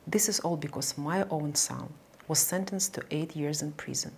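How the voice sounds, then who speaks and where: A middle-aged woman, a mother and activist, giving a steady, serious testimony. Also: low voice, moderate pace, a little hiss or hum. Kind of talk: first-person testimony.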